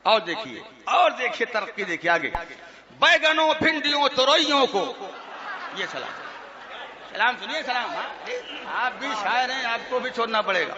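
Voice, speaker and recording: Male cleric, high voice, mocking sing-song verse reading, dull lo-fi sound, crowd murmuring. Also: sing-song. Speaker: Islamic cleric. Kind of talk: religious lecture to a gathering. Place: large gathering with a noisy audience.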